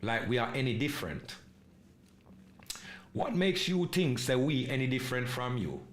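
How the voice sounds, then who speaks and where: A man's voice: medium pitch, lively intonation, moderate pace, a little hiss or hum. An English-born man with a Jamaican Patois-inflected English accent, hosting a live podcast in an emphatic, repetitive monologue that mixes in patois slang. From England. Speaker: podcast host.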